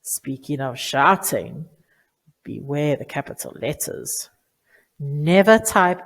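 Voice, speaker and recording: A woman teacher speaks to children in a low, steady register. Her delivery is clear and deliberate, and she leans on key words to drive each rule home. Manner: clear, deliberate instructive delivery with emphatic stresses. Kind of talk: lesson for children on online manners.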